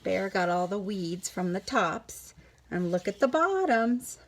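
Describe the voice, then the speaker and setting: A woman with a mid-range voice reads a picture book aloud to children, animated and teacherly, stopping to ask them questions and explain things.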